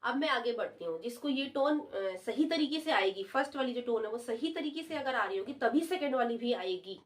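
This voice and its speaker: A woman's voice: on the high side, lively intonation, fairly quick. A woman teaching the dholak online, patiently explaining and counting beats aloud. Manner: patient, repeats counts loudly while drumming. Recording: dholak drumming behind the voice.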